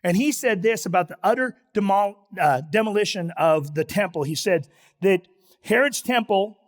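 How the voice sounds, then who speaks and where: A middle-aged man delivering a church sermon. His voice sits on the high side for a man, and he keeps it loose and conversational. He stumbles through restarts, throws in asides and jokes at his own expense. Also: expressive, moderate pace. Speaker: pastor.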